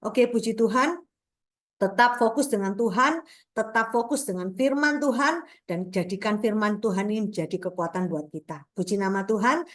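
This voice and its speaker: A woman's voice: mid-range voice, normal speed. Chatty woman giving a devotional. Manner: chatty, many fillers and tag questions, addresses listeners as brothers and sisters. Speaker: devotional speaker. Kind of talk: morning devotional talk.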